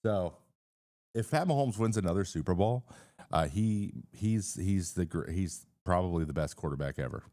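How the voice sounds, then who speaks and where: A man's voice: deep voice, animated, moderate pace, mellow, dry recording, studio quality. A man in his thirties hosting a casual sports live stream, rambling with fillers and restarts and greeting viewers in the chat.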